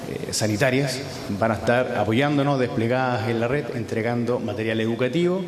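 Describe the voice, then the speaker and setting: A man speaking as an official spokesman, formal with hesitant fillers. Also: medium pitch. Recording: echoey hall with crowd.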